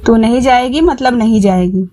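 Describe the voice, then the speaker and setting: Woman putting on a shrill scolding mother-in-law. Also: moderate pace, warm tone, lightly acted.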